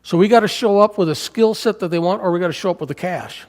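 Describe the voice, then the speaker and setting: A man's voice: high voice, fast, darkish tone. A man in his sixties, an American missionary, giving a folksy, joking missions talk to a church congregation. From United States. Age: 60s. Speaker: missionary speaker. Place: church sanctuary. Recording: hall reverb in a church.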